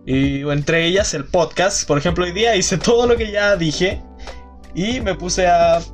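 Young Chilean man, podcast host, fairly high voice, rambling chat, soft music faint behind. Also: a little slow. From Aysén region, southern Chile. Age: young adult. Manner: rambling, many fillers and restarts.

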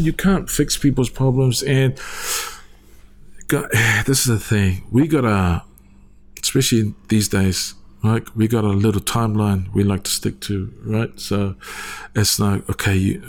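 This guest, a man in his forties, shares his church story as a casual, rambling testimony, often asking "you know what I mean?" His voice sits lowish, moves a little slowly, and has a creaky texture.

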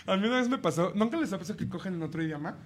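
A man's voice: high-pitched, animated, racing. A man with a Mexican accent co-hosting a podcast, telling crude stories in a casual, laughing way and acting out moans. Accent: Mexican Spanish. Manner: crude, laughing storyteller who acts out moans. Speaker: podcast co-host. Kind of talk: casual comedic chat.

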